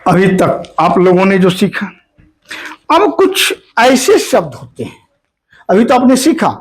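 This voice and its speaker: A male teacher going through a grammar lesson at a slow, unhurried pace. His pitch moves up and down a lot as he stresses words and repeats them aloud for his students to practice. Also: sing-song, breathy edge. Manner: explains step by step, addresses students as "beta".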